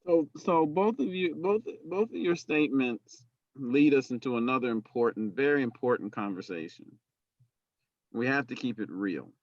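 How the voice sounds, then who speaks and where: A man's voice: medium pitch, animated, normal speed, no room sound. A middle-aged man moderating a panel over a video call, earnest and repeating words as he builds his point. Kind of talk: panel discussion. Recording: dry, dull video call audio.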